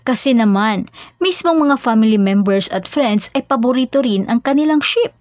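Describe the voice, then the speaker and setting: A woman reading scripted narration for a fan channel in a steady, explanatory way. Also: a little high, moderate pace, no room sound, clean studio sound.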